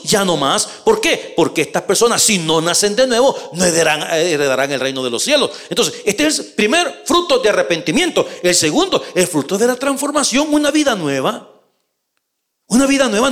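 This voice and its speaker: A pastor preaching a sermon, addressing listeners directly with rhetorical questions and swinging between loud rises and hushed drops. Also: male voice, high-pitched.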